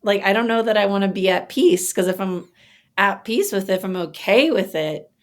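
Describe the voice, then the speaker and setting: A woman's voice: mid-range voice, normal speed. A woman in a casual podcast conversation, talking reflectively, searching for words with many fillers and growing emotional. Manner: gets emotional while talking. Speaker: podcast guest.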